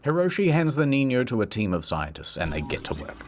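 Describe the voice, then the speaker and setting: A man narrating a comedic history video, wry and storytelling, with sudden swings in pitch. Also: very animated, a little fast, over music.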